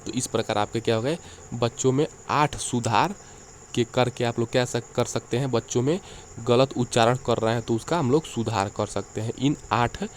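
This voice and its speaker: A man's voice: mid-range voice, normal speed, slight background noise. A man teaching an exam-prep lecture, going through the points one by one and checking in with the listeners as he explains. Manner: explains point by point, often adds "ठीक है".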